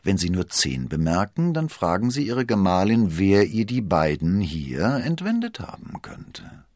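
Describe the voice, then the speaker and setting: A man voicing a scheming male cardinal who turns oily and halting with fillers when cornered. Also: low voice, sing-song, darkish tone, no echo, studio quality. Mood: sly.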